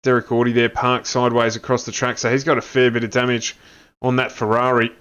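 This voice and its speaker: A man's voice: flat delivery, brisk, a bit bright, clean tone, lo-fi sound. A man commentating an online sim race, reading grid positions and calling incidents. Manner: reels off names, jumps in pitch at crashes.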